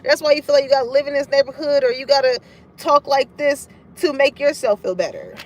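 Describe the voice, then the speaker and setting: Quick and very animated, her high-pitched voice carries a loose tarot reading aimed at a collective audience. The card reader talks bluntly, swears freely, and keeps breaking into laughter.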